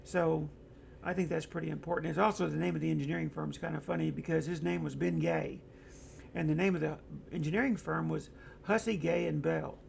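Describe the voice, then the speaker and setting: A man's voice: a little high, fairly quick, creaky, slight background noise. A middle-aged man hosting an online discussion show, talking casually and reading out viewer comments, rambling with many fillers and stories.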